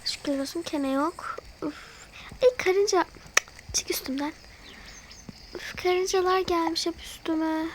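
A woman's voice: very high-pitched, unhurried, slight background noise. A woman hosting her channel, chatty and easily frightened, talking straight to her viewers while she voices a role-play over a mobile game. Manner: easily frightened, gasping and fretting. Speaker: channel host.

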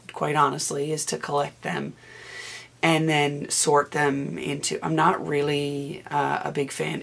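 A knitting vlogger, hoarse from a cold, chatting casually to camera in a rambling, self-correcting way. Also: mid-range voice, fairly bright tone.

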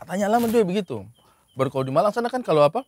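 Lively, fairly high-voiced man telling a story. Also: very fast. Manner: animated, insists his story is true. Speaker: podcast co-host. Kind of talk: casual chat, storytelling.

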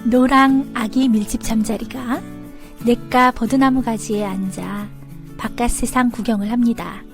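A woman storyteller reading a scripted children's story as narrator. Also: on the high side. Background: background music.

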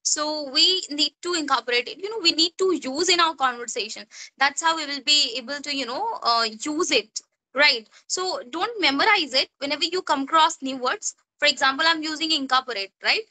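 On poor audio from a phone at arm's length, a high, pushed and bright female voice comes through at a brisk clip. She's a young Hindi-speaking tutor from Jharkhand with an Indian English accent, giving a relaxed English lesson by video call from a small room and often saying "you know" and "right?".

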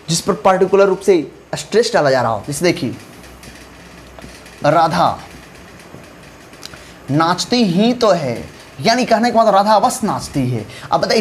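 A man's voice: on the high side, slight background noise. A man lecturing as an English grammar teacher, mixing Hindi and English, stressing and repeating key terms as he drills his students.

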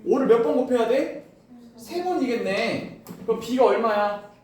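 Echoey high-voiced male math teacher. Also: animated, a little mellow, slight background noise. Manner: explains step by step, asks students many quick questions. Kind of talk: classroom math lesson. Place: classroom. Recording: echoey room, voice from far off.

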